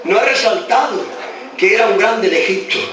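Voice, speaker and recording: A man from Extremadura with a Spain Spanish accent preaches a fiery Pentecostal-style sermon at a moderate pace, swinging between shouts and hushed low tones in a large church hall. It's taped on an old cassette dictaphone held in the congregation, so the audio is echoey and distant. Music, a crowd and congregation responses fill the background.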